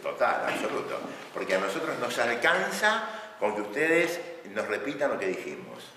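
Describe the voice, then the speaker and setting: Animated man lecturing in echoey hall. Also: medium pitch, normal speed. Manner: animated, acts out shouting examples, laughs often. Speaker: lecturer on couples' communication. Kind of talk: lively classroom lecture. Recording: echoey hall, mic at a distance, audible noise.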